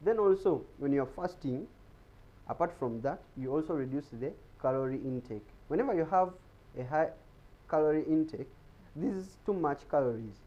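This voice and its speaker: Warm and animated, a fairly high male voice moves at a normal speed through an explanatory health talk in a TV studio, where he appears as a guest. He keeps repeating words as he reaches for them, and the recording quality is low.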